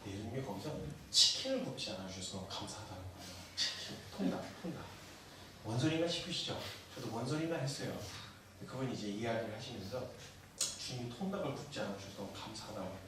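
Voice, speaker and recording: Animated preacher in an echoing church hall. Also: male voice, on the low side, quick pace. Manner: acts out the dialogue with big swings from hushed whispers to shouting. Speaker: missionary preacher. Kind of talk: storytelling sermon. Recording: echoey hall, distant mic, noisy.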